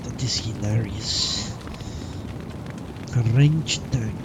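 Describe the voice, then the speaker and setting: A live streamer playing a role-playing game gives casual commentary in a lowish, slow voice with vocal fry. He muses and mutters to himself in short fragments as he thinks aloud, over a noisy background.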